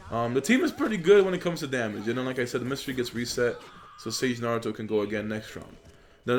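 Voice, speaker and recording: There's a little hiss or hum on this recording of a young man with a mid-range voice. A Polish-raised gaming YouTuber and native Polish speaker, he rambles casually over gameplay into his USB desk microphone, relaxed and full of fillers.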